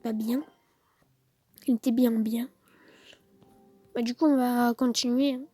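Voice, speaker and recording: A woman giving relaxed, chatty play-by-play commentary on her own gameplay, with quick excited bursts. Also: fairly high pitch, soft background music, poor audio. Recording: noticeable background noise.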